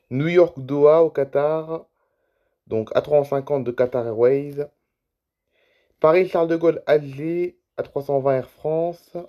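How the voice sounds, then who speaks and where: A man's voice: on the high side, highs cut off. A tired man YouTuber giving rambling, chatty commentary over a screen recording, reading out flight routes one after another.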